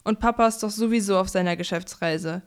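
A woman voicing a lively, affectionate young girl in a children's story. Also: mid-range voice, fairly quick, smooth, lightly acted. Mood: eager.

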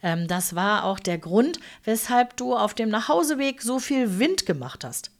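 A woman voicing a calm, teasing female angel in biker leathers who speaks gently and familiarly, at times in a whisper. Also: fairly high pitch, a little slow. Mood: knowing.

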